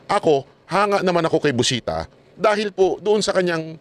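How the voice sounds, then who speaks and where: A man doing casual political commentary in an animated, mocking way, often breaking into laughs. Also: sits high, normal speed. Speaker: political vlogger.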